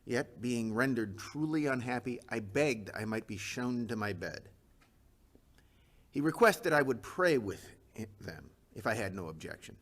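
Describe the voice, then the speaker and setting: A man's voice: mid-range voice, expressive, a bit bright. A man reading as a reluctant old-time minister. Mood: troubled. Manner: measured, formal period diction. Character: troubled 18th-century minister, reluctant and anxious. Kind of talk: reading a first-person memoir aloud.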